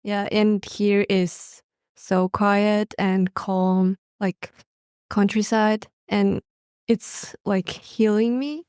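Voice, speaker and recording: Mongolian-accented teen girl, slow and hesitant, smooth clear voice. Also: mid-range voice, fairly even intonation, a little mellow, no echo, studio quality. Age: teens. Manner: hesitant, searching for words. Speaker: exchange student guest. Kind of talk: casual podcast interview.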